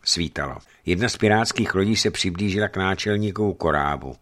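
Deep-voiced man reading an adventure story. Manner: measured, dramatic reading with acted shouts. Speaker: audiobook reader. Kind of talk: storybook narration.

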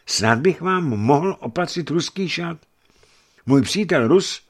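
Fawning, eager merchant, high and excited , voiced by a male narrator. Audiobook character. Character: timid, bargaining merchant, middle-aged man.

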